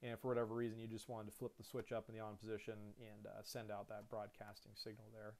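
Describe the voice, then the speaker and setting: Gravelly-voiced man explaining cockpit switches. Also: fairly low pitch, fast talker. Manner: relaxed, many fillers and restarts. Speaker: airline pilot explaining the cockpit. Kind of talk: casual screen-share lesson.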